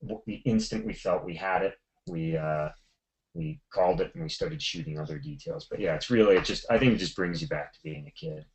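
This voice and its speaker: A middle-aged man telling stories from his work as a photographer in a casual webinar chat, animated and full of fillers and restarts. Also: low voice, brisk, low-quality recording. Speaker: photographer guest.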